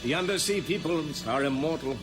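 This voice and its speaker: Regal ageless sea prince, male actor, radio play: fairly high male voice, grandiose and solemn, music behind. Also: lively intonation, a little fast, close to an everyday voice. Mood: haughty, solemn. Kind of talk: 1990s radio drama acting. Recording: music under the dialogue.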